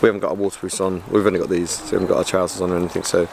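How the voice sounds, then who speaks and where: A man's voice: low voice, flat delivery, racing, creaky, darkish tone, a little hiss or hum. A man chatting casually on a travel vlog, laughing at himself, filmed outdoors and in a car. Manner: chatty, self-mocking, laughs often. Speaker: vlogger.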